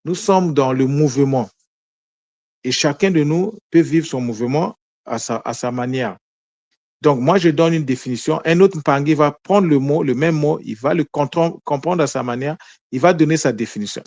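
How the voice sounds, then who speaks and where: Man teaching with halting restarts. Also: a little high, darkish tone, no room sound. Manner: searching for words, many repeated restarts; asks himself questions then answers them. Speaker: spiritual teacher. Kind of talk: spoken teaching on word meanings.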